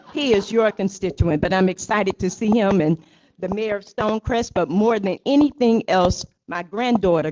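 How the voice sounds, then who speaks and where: A woman's voice: mid-range voice, a little mellow. Older lady giving an emotional thank-you speech, off the cuff, kinda muffled sound. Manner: emotional, off the cuff, rising to rousing emphasis. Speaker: award honoree giving acceptance speech. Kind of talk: heartfelt acceptance speech. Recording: dull, muffled recording.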